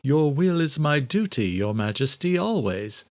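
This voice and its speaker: Man playing a submissive, scheming courtier, raised pitch. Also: sing-song, measured pace. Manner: deferential, careful. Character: submissive, scheming male courtier, secretly resentful.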